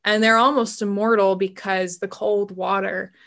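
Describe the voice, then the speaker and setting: A woman's voice: mid-range voice, fairly even intonation, normal speed, fairly bright tone. A woman, casually chatting as a podcast co-host, rambling and laughing often. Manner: enthusiastic about marine biology. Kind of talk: casual chat.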